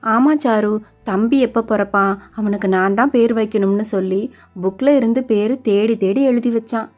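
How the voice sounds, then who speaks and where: A middle-aged husband reassures his wife in calm, matter-of-fact words voiced by a woman storyteller. Her voice stays a little high for the part, with a faint music bed behind. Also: normal speed, close to an everyday voice. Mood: reassuring.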